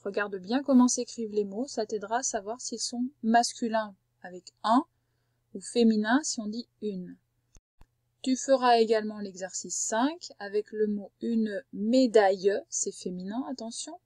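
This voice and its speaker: A woman teacher leading a recorded spelling dictation for a young child, saying each syllable slowly and carefully and giving gentle step-by-step instructions. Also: medium pitch, dry recording. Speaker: primary school teacher.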